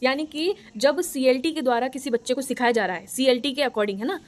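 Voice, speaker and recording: High-pitched woman teaching an exam class. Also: a little fast. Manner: explains step by step, restating each point with fillers. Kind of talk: exam-prep lecture.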